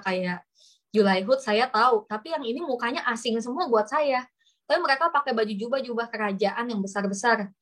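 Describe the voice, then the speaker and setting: A young woman preacher with a medium-pitched voice delivers a testimony sermon, telling her story in an animated way and frequently speaking directly to the congregation.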